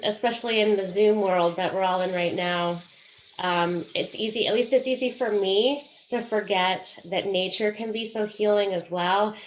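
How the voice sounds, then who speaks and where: A woman's voice: mid-range voice, a little hiss or hum. Woman moderator on a dull video call. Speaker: moderator asking questions. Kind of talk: conversational interviewing.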